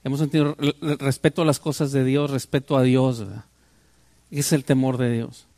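A man's voice: mid-range voice, flat delivery, moderate pace, dark tone, dry recording. An older man, preaching a sermon and putting rhetorical questions to his congregation. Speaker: pastor.

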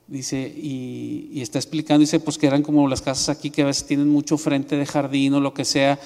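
A man's voice: mid-range voice, little pitch movement, moderate pace, creaky, a little mellow. A man preaching a sermon as pastor, telling a story with many fillers and restarts. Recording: long reverb in a hall.

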